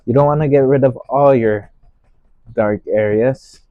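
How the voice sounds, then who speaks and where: Male painting teacher, gentle and slow-paced, thinking out loud in short phrases; dry, slightly muffled recording. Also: medium pitch, dry recording. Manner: gentle, unhurried painting instructor, musing aloud in short phrases. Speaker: painting instructor. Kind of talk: unscripted painting tutorial narration.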